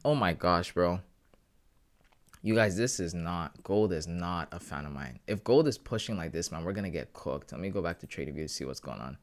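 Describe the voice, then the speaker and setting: A livestreaming forex trader in his thirties chats casually with viewers during a live trading stream, using slang and laughing often. His voice sits low, sounds animated, and moves at a moderate pace.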